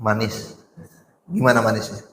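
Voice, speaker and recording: A man's fairly low, steady voice at normal speed carries a casual Islamic sermon of stories, rhetorical questions to the audience, and recited Arabic, all in colloquial speech. The recording echoes with hall reverb.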